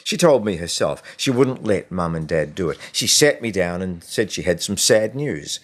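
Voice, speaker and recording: Reading a short story for an audiobook, this deep-voiced man delivers the script expressively and at a measured pace, pausing deliberately.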